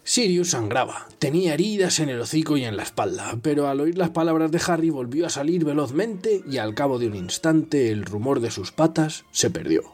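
A man's voice: on the high side, lively intonation, normal speed, hardly any pauses, darkish tone. A man reading a novel aloud, taking turns with a partner, telling it dramatically and dropping to a whisper in tense moments. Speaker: reader.

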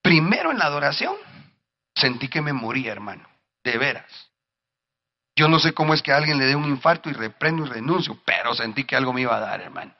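A male pastor preaching a sermon, speaking directly to the congregation and rising to shouts at his peaks. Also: medium pitch, sing-song, fairly quick, highs cut off.

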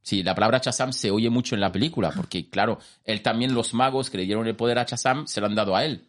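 A man with a Spanish accent from Spain, commenting on films in a casual chat with an enthusiastic, animated manner. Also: on the low side, fast. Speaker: film commentator.

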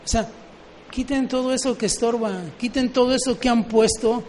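High-voiced man preaching in a hall. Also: little pitch movement, normal speed, a little mellow, a little hiss or hum. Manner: asks the congregation questions. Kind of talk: sermon.

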